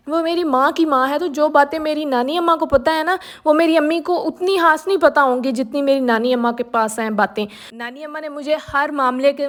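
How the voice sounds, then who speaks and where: A young woman from Pakistan chatting casually in her home vlog, confiding and repeating herself as she talks about her grandmother and her sewing. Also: high voice. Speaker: vlogger.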